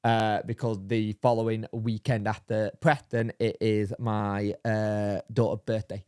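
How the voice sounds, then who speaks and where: Hoarse man in his thirties. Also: lowish voice, flat delivery, measured pace, darkish tone, dry recording, studio quality. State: hoarse from recent illness. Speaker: podcast co-host. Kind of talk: casual football podcast chat.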